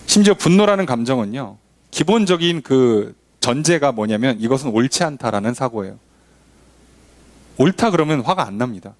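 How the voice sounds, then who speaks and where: A man's voice: mid-range voice, expressive, moderate pace, no echo. A male pastor preaching a sermon, asking the congregation rhetorical questions. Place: church.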